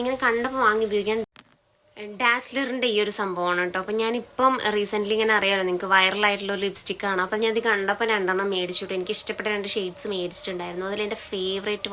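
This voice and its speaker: A woman's voice: mid-range voice, bright, forceful tone, a little hiss or hum. A woman with a Malayali accent showing her collection in a casual, chatty vlog, tagging her sentences with little asides. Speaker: beauty vlogger. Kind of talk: casual product showcase.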